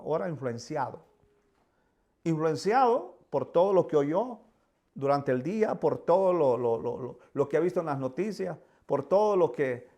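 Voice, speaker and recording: A man's voice: a little high, a little mellow. A man preaching a sermon with fervor, voicing pleading prayers and often repeating words.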